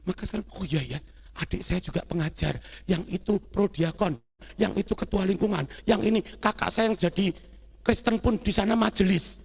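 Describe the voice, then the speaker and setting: A middle-aged man gives a loud, lively religious teaching talk to a congregation, telling stories and often asking the audience to agree. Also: high voice, normal speed, vocal fry, slightly rough. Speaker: lay church speaker.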